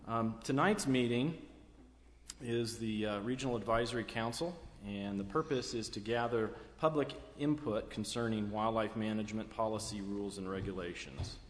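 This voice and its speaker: An American man chairing a formal public meeting in a measured, procedural way. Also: lowish voice. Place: large echoey indoor meeting room. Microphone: meeting microphone. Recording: echoey meeting room, clear background noise.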